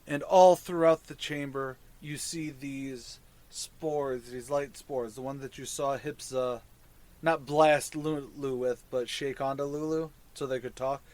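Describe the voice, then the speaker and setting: A man's voice: medium pitch, steady tone, a little slow, a little mellow. A man casually narrating a tabletop fantasy game as the dungeon master and host.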